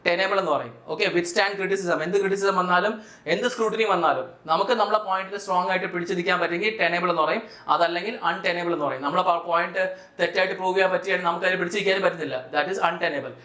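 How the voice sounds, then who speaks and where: Malayali indian guy teaching vocab, bright sharp voice, asks check questions, echoey room. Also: high-pitched, fairly even intonation, rapid-fire. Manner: didactic, checks understanding with questions. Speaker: vocabulary teacher for exam students. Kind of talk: explanatory lesson, mixing English terms into speech.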